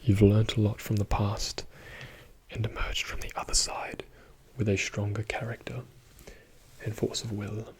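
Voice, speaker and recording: A man giving a soothing, reassuring ASMR pep talk in a soft-spoken, often whispered voice, slow and deliberate. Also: lowish voice, monotone, slightly rough. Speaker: ASMR video host.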